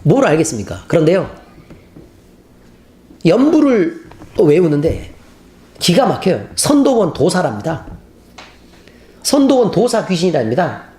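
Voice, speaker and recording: Lively preaching man, echoey sanctuary. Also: sits high, measured pace, pauses often. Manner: animated storytelling, acting out scenes. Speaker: pastor. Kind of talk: sermon. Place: church sanctuary. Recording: roomy church hall, faint noise.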